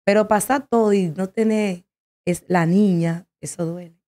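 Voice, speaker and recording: Give me a woman guest giving an emotional, stop-and-start personal testimony at an average pitch. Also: steady tone, warm tone. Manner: halting, emotional, with many restarts.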